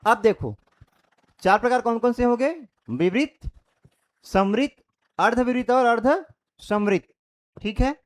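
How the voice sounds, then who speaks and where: A young man teaches Hindi grammar online in a very high voice with lively intonation, speaking slowly and pausing frequently. He explains step by step, checks in repeatedly and voices the vowel sounds aloud.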